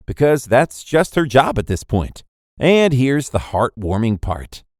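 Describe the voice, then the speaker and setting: Lively, playful male recap narrator. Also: mid-range voice, dry recording, clean studio sound. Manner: playful, jokey storyteller. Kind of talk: scripted anime recap narration.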